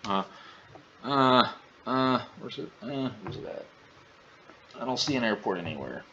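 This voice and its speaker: A man gives jokey, exclamatory commentary over a flight simulator game. His voice is bright and swings widely in pitch. He talks into a headset mic, and the dull lo-fi audio carries a faint ambience. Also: lively intonation, measured pace, a little hiss or hum. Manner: playful, joking, exclamatory. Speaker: gaming channel host. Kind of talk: casual VR flight sim commentary.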